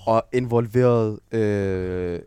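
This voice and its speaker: A man co-hosting a podcast who asks his friends questions and tells a story at a measured pace. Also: lowish voice, warm tone, a little hiss or hum. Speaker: podcast co-host. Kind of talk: casual chat.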